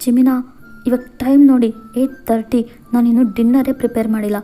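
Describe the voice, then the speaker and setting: A woman's voice: level tone, brisk, dark tone, soft background music, lightly acted. Woman doing a timid, frightened young wife. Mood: protesting. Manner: high pleading voice.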